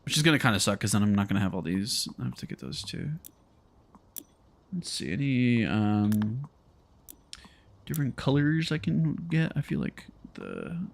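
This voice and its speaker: A man's voice: lowish voice, sing-song, moderate pace, gravelly, pauses often. A man streaming a game, chatting casually and muttering to himself as he plays. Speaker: gaming livestreamer. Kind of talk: casual gameplay commentary.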